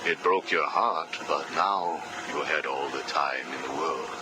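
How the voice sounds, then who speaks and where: An actor with an extremely low voice plays a cold, manipulative male interrogator who asks clinical, probing questions at a measured pace. It is heard as playback from a hissy cassette tape recording.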